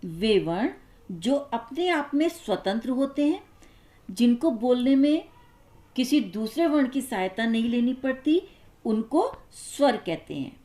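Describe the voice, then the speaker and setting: A woman teacher giving a grammar lesson, explaining step by step and pausing on each example. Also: a little high, animated, dark tone.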